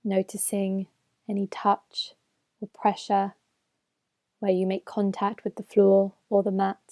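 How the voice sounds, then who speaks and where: Her voice calm and mid-range, a woman leads a slow guided meditation as a mindfulness teacher, speaking in gentle, unhurried, measured phrases with soft endings. The intonation barely moves, staying very flat and even. The sound is close and completely dry, with no sense of a room.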